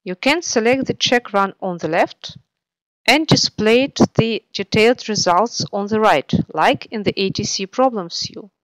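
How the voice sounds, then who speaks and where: Dry, steady woman tutorial narrator. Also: mid-range voice, a little slow, no room sound, rough recording. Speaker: software tutorial presenter. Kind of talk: scripted screencast narration.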